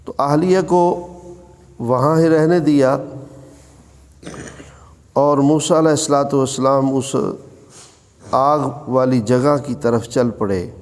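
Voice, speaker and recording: A man giving a religious lesson, explaining scripture in an unhurried, measured way and chanting verses between his paraphrases. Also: mid-range voice, darkish tone, big-room sound. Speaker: Quran teacher.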